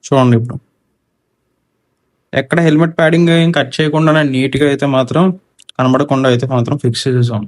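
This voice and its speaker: A Telugu-accented man speaks fast in a steady, medium-pitched voice, yet leaves long pauses. He's a gear reviewer casually unboxing and installing something, with English technical words worked into his talk.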